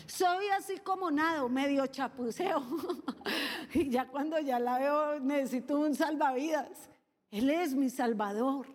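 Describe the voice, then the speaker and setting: A woman preaching a sermon, animated and playful, with lively asides and mimicry. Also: high-pitched, long reverb tail.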